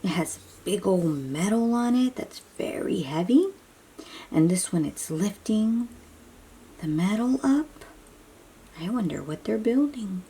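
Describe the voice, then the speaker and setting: At a very leisurely pace, a woman hosts a picture book read-aloud for small children, her medium-pitched voice expressive, husky, soft-edged, and mellow, with plenty of rise and fall. She keeps explanations simple, frequently posing a question to the listener before answering it herself.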